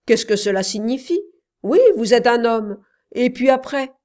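A woman voicing an exasperated man of letters who lectures with sharp, impatient questions. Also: fairly high pitch, a little slow, natural voice.

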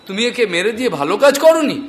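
A man's voice: high voice, big pitch swings, fairly quick. A man voicing a stern old male sage who scolds and moralizes at his son in a told legend. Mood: scolding. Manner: reproachful, moralizing.

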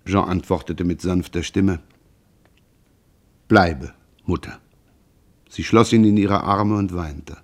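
A man narrating a classic novel as an audiobook, in a measured, unhurried literary manner. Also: sits low, darkish tone.

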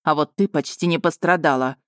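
A woman voicing a tired, gruff male werewolf investigator who speaks curtly and sharply. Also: low-pitched, fairly quick, no room sound, clean studio sound, natural voice. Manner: curt and sharp.

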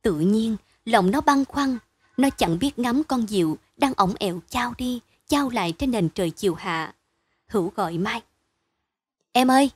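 Female storyteller for a bedtime story: calm, measured, fairly high, dry close recording. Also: slightly rough, no echo.

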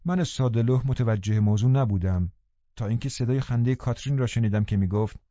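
A man narrating a novel as an audiobook, calm and measured. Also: mid-range voice, dry recording. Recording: dull dry studio recording.

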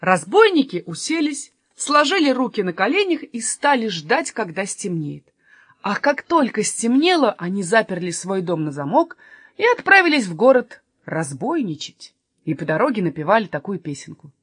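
A woman narrating a children's story aloud in a lively storytelling manner. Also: medium pitch, moderate pace, breathy edge, no echo, clean studio sound.

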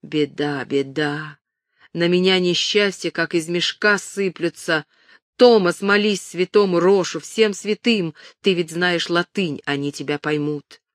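A woman voicing a frightened, flustered older male merchant who shouts and pleads in panic. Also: high-pitched, unhurried, dry recording, clean studio sound. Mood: panicked.

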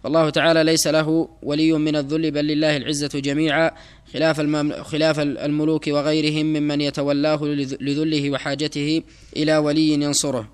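Fast, flat-voiced student reading aloud. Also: male voice, fairly high pitch, clear, resonant tone. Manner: fast, even recitation with small slips. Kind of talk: reading a classical text aloud.

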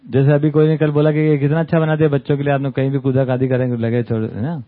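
A man's voice: medium pitch, little pitch movement, quick pace. Man lecturing over a tinny line. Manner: conversational, often adds "है ना?" tag questions. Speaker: camp speaker. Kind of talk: talk to a study group. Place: camp hall with an audience. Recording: tinny phone-like sound.

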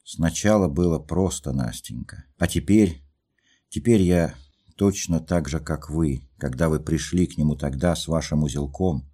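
A man's voice: very deep voice, moderate pace, mellow, husky. A man reading a story aloud, playing a lovesick young man who pours out his feelings. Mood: anguished. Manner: fervent, pleading outbursts. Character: young man, lovesick, earnest and agitated dreamer.

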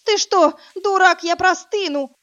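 A woman voicing a defiant, sharp-tongued young woman who snaps back sarcastically. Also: fairly high pitch, lively intonation, normal speed, voice pushed up, lightly acted. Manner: sarcastic and snapping. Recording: dull lo-fi audiobook, faint music.

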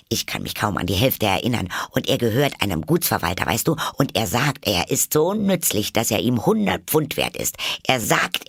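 A man's voice: on the low side, gravelly, fairly bright tone, no room sound, clean studio sound, voice pushed up, full character voice. A man doing an eager, chattering little girl. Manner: eager, rambling, apologetic. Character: polite chatty curious young girl.

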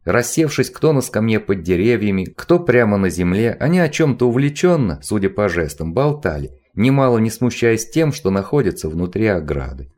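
A male audiobook narrator reading a novel. His voice sits on the low side for a man, yet moves animatedly through each sentence. The storytelling is expressive and steady. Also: normal speed, hardly any pauses. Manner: expressive, even-paced storytelling.

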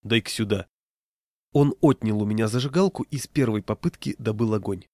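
A man's voice: fairly low pitch, fast, mellow, no room sound. A man narrating a humorous first-person story in a wry storytelling manner, close to the mic. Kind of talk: storytelling reading.

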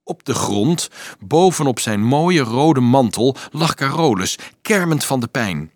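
A man narrating an audiobook in an expressive storytelling manner. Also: medium pitch, measured pace, no room sound, clean studio sound.

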